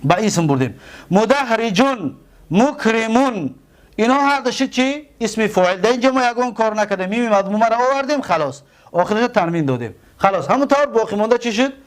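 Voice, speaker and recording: A man with a Tajik accent teaches a grammar lesson in a fairly high voice. He drags out key terms and repeats them. He poses questions to his students and then answers them himself. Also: big pitch swings. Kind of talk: classroom lesson.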